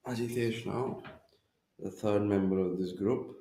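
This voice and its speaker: A man's voice: lowish voice, fairly even intonation, measured pace, warm tone, roomy sound, slight background noise. A man working as a golf commentator, hosting live tournament coverage from a studio. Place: broadcast studio.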